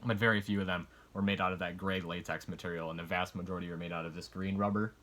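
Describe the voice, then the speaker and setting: A man's voice: sits low, fairly even intonation, fast talker, a bit bright. A man giving a casual, unscripted show-and-tell review in a rambling, hesitant way, hedging as he explains. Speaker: collector reviewing military surplus gear.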